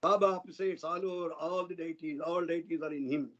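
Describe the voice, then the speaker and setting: Speaking a little fast in a slightly high, steady, somewhat bright voice, a man recounts saints' tales with earnest, free-flowing devotion. The online satsang recording sounds dull and lo-fi.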